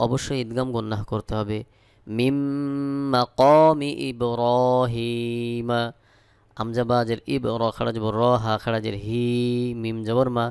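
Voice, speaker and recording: A Bangladeshi man teaching Quran reading, spelling out each letter slowly and then chanting the verses. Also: medium pitch, smooth, no room sound. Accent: Bangladeshi Bengali. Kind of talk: spelling out Quran recitation lesson.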